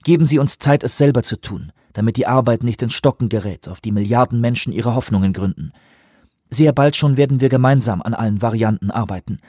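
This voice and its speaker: A man voicing a controlled, insistent female commanding officer in a dry, husky-toned audiobook reading. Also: mid-range voice, dark tone, no echo, lightly acted. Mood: urgent. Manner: insistent, measured pleading.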